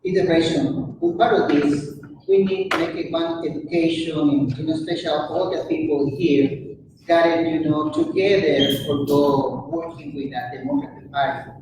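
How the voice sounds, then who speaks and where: A man from Peru giving a halting public comment at a meeting, full of fillers. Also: fairly high pitch. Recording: echoey hall from far off, noisy.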